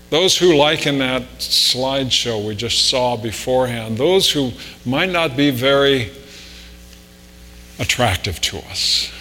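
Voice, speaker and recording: Male pastor, bright, forceful delivery, sermon in a reverberant church with a faint hum. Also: mid-range voice. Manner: conversational preaching with anecdotes, rising emphasis on key points. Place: church sanctuary. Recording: reverberant hall with mains hum.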